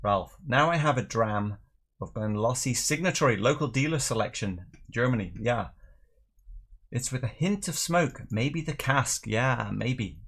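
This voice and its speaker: Hosting a live tasting show, a middle-aged man from Northern Ireland and England chats jokily and casually, reading out viewer comments. His mid-range voice has lively intonation, a fairly bright, slightly rough tone, and a little slow pace.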